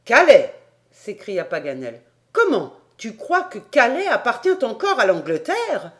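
A woman voicing an excitable middle-aged male French geographer who bursts into loud, fussy exclamations. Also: medium pitch, a little slow. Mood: excited.

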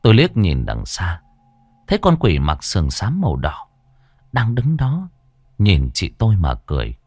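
A man's voice: low voice, huge pitch swings, moderate pace, darkish tone, no room sound. Man narrating a ghost story dramatically. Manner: dramatic, swinging delivery.

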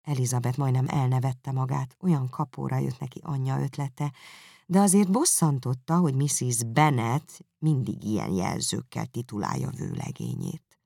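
A woman narrates a classic novel in a calm, measured audiobook style. Her voice sits very low, with a gravelly, husky grain, recorded close and dry. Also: dry recording. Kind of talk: scripted narration.

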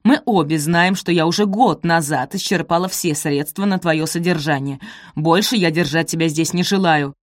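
A woman's voice: deep voice, normal speed, no room sound, lightly acted. A woman voicing a cold, cruel middle-aged stepmother who hisses her orders with contempt, in a dry close recording. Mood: cold, scornful. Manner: hissing, icy, commanding.

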